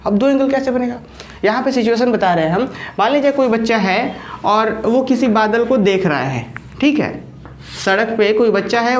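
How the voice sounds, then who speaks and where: A woman's voice: a little high, a little hiss or hum. A woman maths teacher with a Jharkhand Hindi accent giving an online lecture. She explains step by step and keeps checking that students follow.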